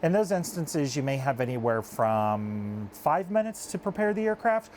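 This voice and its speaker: A man's voice: mid-range voice, sing-song, normal speed, darkish tone. A man explaining procedures casually to a visitor as a flight attendant trainer. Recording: clear background noise.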